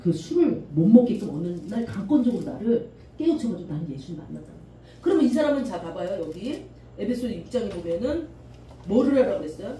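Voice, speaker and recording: A middle-aged woman pastor preaching a sermon, animated and often acting out the voices of the people in her stories. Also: medium pitch, a little fast. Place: church sanctuary. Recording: echoey church room from a distance, faint noise.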